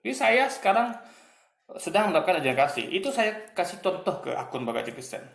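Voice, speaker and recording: A man's voice: high voice, very animated, quick pace, vocal fry, roomy sound. A man giving a casual commentary monologue, arguing and mocking as he addresses his viewers. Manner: argumentative, mocking, repeats "guys" and "gitu kan". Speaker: online commentator.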